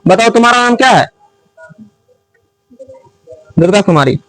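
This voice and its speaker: High-pitched guy teacher quizzing a class, calls out loud sometimes. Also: animated, very fast, no room sound, low-quality recording. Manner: quizzing students, often raising voice.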